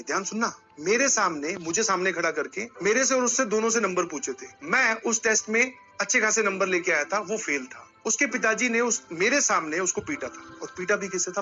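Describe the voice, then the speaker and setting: A man's voice: high-pitched, pushed and bright, highs cut off. A male coaching teacher giving a motivational lecture to students. He tells stories and talks to them directly, scolding them at times.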